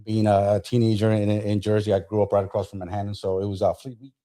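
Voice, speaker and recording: A man's voice: on the low side, monotone, fast, dark tone. A man from Colombia, a retired Marine guest, telling stories casually with many hesitations and easy humor. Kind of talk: casual interview storytelling.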